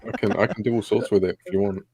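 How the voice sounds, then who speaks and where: A man's voice: fairly low pitch, fairly even intonation, quick pace, crowd noise. A man co-hosting a live gaming podcast, joking and bantering with his friends. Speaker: podcast co-host. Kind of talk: casual chat.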